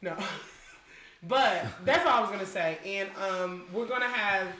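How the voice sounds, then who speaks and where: A woman's voice: mid-range voice, measured pace, a bit bright, reverberant. A woman co-hosting a podcast in loose casual chat, drifting from one thought to the next. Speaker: podcast co-host.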